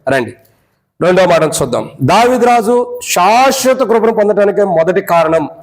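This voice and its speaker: A high-pitched man with a Telugu accent, preaching to his congregation. He keeps asking rhetorical questions and swings from ringing exclamations down to hushed, low remarks. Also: lively intonation, normal speed, low-quality recording. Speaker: pastor. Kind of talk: sermon. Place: prayer hall.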